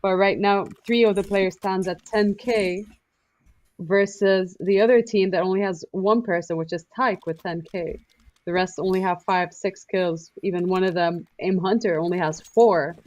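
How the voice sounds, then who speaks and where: A woman's voice: mid-range voice, fairly even intonation, normal speed, a little mellow, no room sound. A woman co-casting a live esports match, giving chatty analysis and laughing often. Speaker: esports co-caster. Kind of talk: live game commentary.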